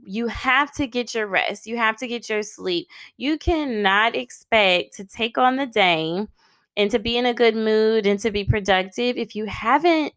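A woman's voice: on the high side, measured pace, a bit bright, dry recording. An American woman in her thirties hosting a solo advice podcast, speaking conversationally in an encouraging, emphatic and plain-spoken way. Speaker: podcast host and licensed counselor.

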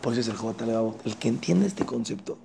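A man giving a sermon, telling a parable and acting out its characters with sudden loud, high bursts and hushed, low asides. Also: lively intonation, fast, vocal fry, a little hiss or hum.

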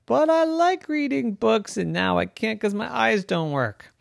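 A storyteller voicing an earnest young male frog who loves books, using a high, excitable voice. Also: measured pace, gravelly, no room sound, clean studio sound. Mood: excited.

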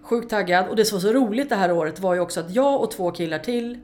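A woman, a guest in an interview, telling lively stories about racing her car, swearing freely and laughing along the way. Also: mid-range voice. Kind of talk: casual interview storytelling.

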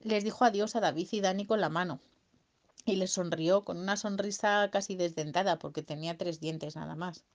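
A woman's voice: lowish voice, normal speed. A woman making up a bedtime story for a child, playful, with sung bits and sound effects. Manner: playful, sings silly songs and sound effects.

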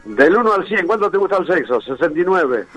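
A man's voice: sits high, poor audio. A man with a Rioplatense Spanish accent telling one joke after another on a radio show, laughing at his own punchlines. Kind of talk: rapid-fire joke telling.

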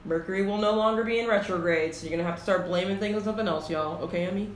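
A woman's voice: medium pitch, rapid-fire. A woman co-hosting a casual astrology podcast, chatty and playful, often breaking into giggles. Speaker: podcast co-host. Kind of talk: casual chat. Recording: echoey room, faint noise.

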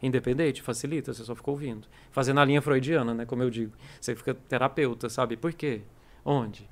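A man's voice: medium pitch, quick pace. A Brazilian man, an English teacher and coordinator, chatting casually and acting out little stories with quoted dialogue. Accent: Brazilian Portuguese. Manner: animated storyteller, acts out quoted dialogue. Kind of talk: casual podcast chat.

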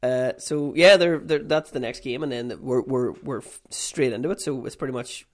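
A man co-hosting a podcast, chatting casually and quickly, often restarting his sentences. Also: mid-range voice. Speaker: podcast co-host. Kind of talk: casual chat.

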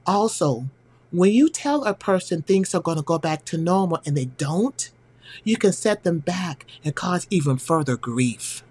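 Expressive low-pitched woman podcast host. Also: a little slow, breathy edge. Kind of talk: scripted inspirational podcast monologue.

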